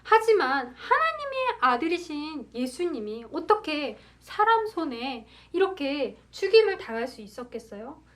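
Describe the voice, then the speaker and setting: A woman preacher telling a Bible story to young children in a gentle, animated storytelling manner, acting out the crowd and asking the kids questions. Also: sits high.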